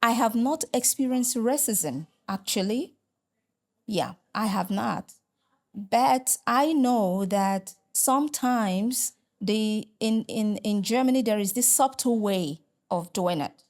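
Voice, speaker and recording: In an interview, a middle-aged Nigerian religious sister and lecturer, Igbo by first language, responds in a slightly high, expressive voice. Her answers come measured and hesitant, with frequent fillers and false starts.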